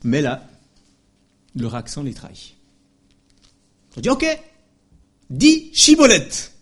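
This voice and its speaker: Lively French-speaking male preacher. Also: mid-range voice, slow pace, husky. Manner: lively, emphatic preaching with frequent "hein" asides and short laughs. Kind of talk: sermon.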